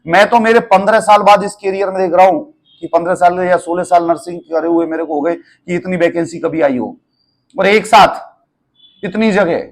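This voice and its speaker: A man, teaching nursing exam students in a direct, coaxing way and calling them his children. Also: high voice. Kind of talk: lecture.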